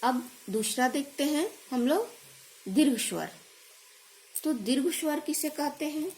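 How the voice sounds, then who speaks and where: A woman teacher giving a grammar lesson, explaining slowly and repeating definitions, sometimes correcting herself. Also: high-pitched, animated, a little mellow, slight background noise. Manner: slow, deliberate explanation with repetition; corrects herself mid-sentence.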